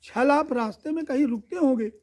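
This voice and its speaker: Guy voicing a calm wise god giving instructions, high voice. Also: a little fast, noisy background. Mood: instructive.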